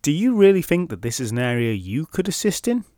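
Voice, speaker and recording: A man voicing a hearty innkeeper woman who talks brightly and hospitably with a lifted pitch. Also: very animated, brisk, no echo, studio quality. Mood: hospitable. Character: hearty middle-aged woman innkeeper, fond of drink.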